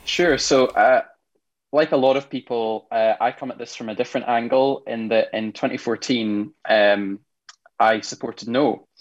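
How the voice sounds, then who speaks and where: A man's voice: mid-range voice, steady tone, a little slow, highs cut off. A young adult man, a council candidate, giving confident, lightly joking panel answers.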